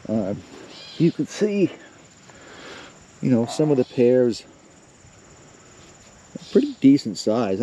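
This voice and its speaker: A man's voice: mid-range voice, mellow. A middle-aged man, rambling casually and a little out of breath as he films a walk around his rural yard. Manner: rambling, filler-heavy, plain-spoken. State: slightly out of breath. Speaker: vlogger. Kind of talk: casual walking vlog. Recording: faint outdoor noise with crickets.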